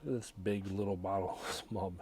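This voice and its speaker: Low-voiced guy muttering bourbon prices, joking around, store noise behind. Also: fairly even intonation, moderate pace. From Tennessee. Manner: joking, dry running price commentary; talks softly, half-whispering in the store. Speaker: bourbon reviewer and channel co-host. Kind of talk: casual walk-through vlog. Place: liquor store aisle.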